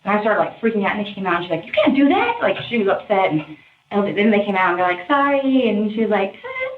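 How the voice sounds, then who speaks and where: A woman being questioned by detectives, telling what she saw in animated, pressured speech. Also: medium pitch, quick pace. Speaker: witness in police interview. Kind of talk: recounting events to detectives. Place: police interview room. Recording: echoey interview room, phone-like audio.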